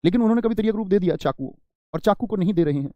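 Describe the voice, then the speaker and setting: A man's voice: high-pitched, lively intonation, racing, mellow, no room sound, muffled recording. A man teaching a Hindi grammar class online, talking straight to his students, stressing and stretching single words to drive points home. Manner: addresses students as friends, preachy asides.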